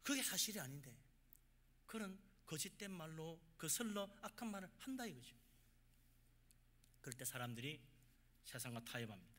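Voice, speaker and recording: Man, pastor, sermon, emphatic, rises and falls in volume, bright tense tone. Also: a little high, big pitch swings, normal speed, long pauses. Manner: emphatic preaching, swinging between loud exhortation and quiet asides. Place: church.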